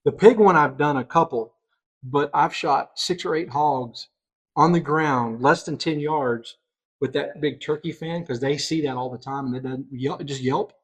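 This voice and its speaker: A middle-aged man hosting a podcast, telling a hunting story in casual chat, excitable and animated. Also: on the high side, normal speed. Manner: excitable, animated storyteller, voices others in quotes. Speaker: podcast host.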